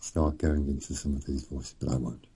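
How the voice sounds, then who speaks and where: A middle-aged man, an author, chatting casually in a slow, rambling, storytelling way with a chuckle here and there. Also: flat delivery, mellow, low-quality recording. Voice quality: very deep gravelly voice. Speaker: author and podcast guest. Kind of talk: casual chat.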